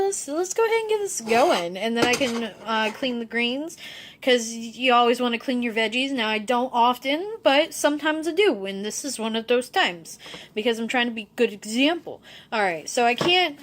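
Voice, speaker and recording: Woman, slightly high voice, drunk and rambling, casual cooking vlogger, easygoing, self-deprecating. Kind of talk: casual cooking vlog to camera.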